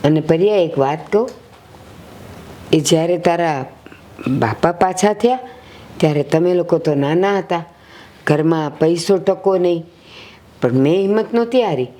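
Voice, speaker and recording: Slow-spoken woman playing an old mother. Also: fairly low pitch, warm tone, lightly acted. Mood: reassuring. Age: older. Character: elderly mother, patient and consoling. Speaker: grandmother consoling her son. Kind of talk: short film acting.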